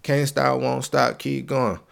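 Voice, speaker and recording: Hosting his own casual gaming podcast, a young man speaks slowly in a smooth, mid-range voice with vocal fry and little pitch movement. He sounds stuffy and congested, keeps things loose and slangy, and sustains the hype by repeating phrases for emphasis.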